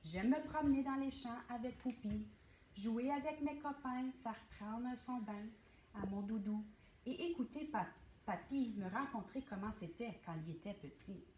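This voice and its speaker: A woman reading a picture book as a sweet little boy telling what he loves, gently and softly. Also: on the high side, normal speed, reverberant, a little hiss or hum, natural voice. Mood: tender.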